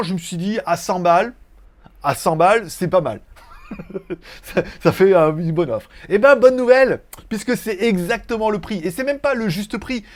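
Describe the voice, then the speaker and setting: A man giving a casual product review, chatty and playful, talking straight to the viewer and dropping in little sound-effect words. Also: high voice.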